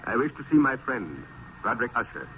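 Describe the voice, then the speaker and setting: A man playing a weary, foreboding gentleman poet in a gothic radio drama, with formal, literary speech. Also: medium pitch, big pitch swings, brisk, slight background noise, natural voice. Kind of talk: old-time gothic radio drama acting. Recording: muffled vintage radio recording, loud music.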